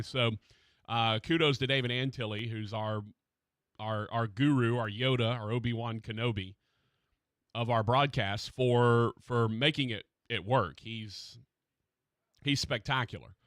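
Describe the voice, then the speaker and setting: A man's voice: medium pitch, bright, forceful tone, dry recording, studio quality. A man hosting a sports radio show, talking casually with many fillers and restarts, his voice still recovering from a cold. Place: radio studio.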